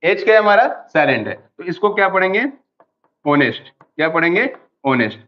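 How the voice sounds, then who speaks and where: Hindi-speaking teacher who quizzes himself aloud. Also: male voice, high voice, lively intonation, fast. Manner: repeats questions and answers them himself. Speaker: English grammar teacher. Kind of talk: online class lecture. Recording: dull lo-fi audio.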